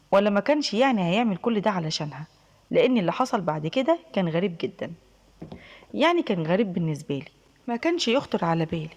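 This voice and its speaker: A woman's voice: mid-range voice, darkish tone. A young woman with an Egyptian accent telling a first-person story in a confiding, emphatic way.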